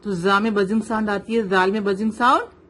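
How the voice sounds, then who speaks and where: A woman with a Pakistani Urdu accent teaching tajweed in an online lesson, slowly modelling recitation and checking with the student. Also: medium pitch, steady tone, a bit bright. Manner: slow, careful modelling of recitation, checks with "right?".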